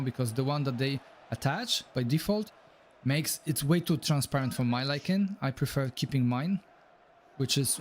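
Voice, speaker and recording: A Polish man with a medium-pitched voice and a Polish accent, recorded with a little hiss or hum, streams a football game. He reacts to the match and chats with his viewers.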